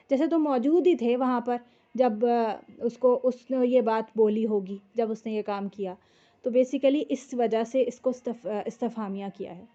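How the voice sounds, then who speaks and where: A woman's voice: fairly high pitch, dark tone, dull audio. A woman, teaching a word-by-word translation lesson, patiently explaining each word and checking that her students follow.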